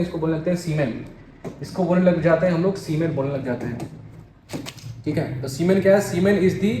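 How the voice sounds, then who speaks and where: A man's voice: a little high, a little mellow. A young man teaching a biology exam lesson, asking his own questions and answering them, and repeating key terms as he goes. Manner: repeats terms, keeps saying "dekho bhai". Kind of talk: exam-prep biology lecture. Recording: echoey room with faint hiss.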